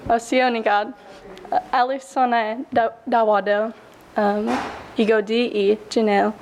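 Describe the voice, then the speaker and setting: An eighteen-year-old woman from Oklahoma, an intern, introducing herself at a podium and starting haltingly with a greeting in Cherokee. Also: on the high side, level tone, darkish tone, a little hiss or hum.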